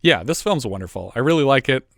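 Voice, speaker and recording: Man, podcast co-host, casual film recap, chatty asides, mid pitch, dry close sound. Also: expressive, fast, creaky, fairly bright tone, no echo. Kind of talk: casual movie recap and chat.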